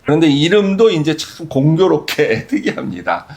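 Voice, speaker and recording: A man's voice: a little high, lively intonation, normal speed, darkish tone. A man preaching a sermon as pastor, conversational and full of rhetorical questions.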